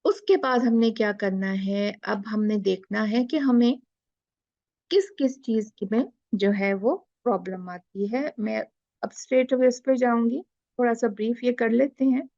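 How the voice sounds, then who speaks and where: A woman teaching Quran recitation in a live online class, slow and patient, stretching out letter sounds and mixing in English phrases. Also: on the high side, mellow, no echo, dull audio. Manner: mixes Hindi-Urdu with English phrases.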